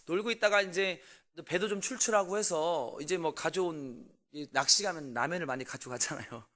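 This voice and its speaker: A man in his forties, a pastor telling a family story in a sermon and asking the congregation questions, with loud bursts and quiet asides. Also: a little high, normal speed. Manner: animated, swings between loud outbursts and quiet asides.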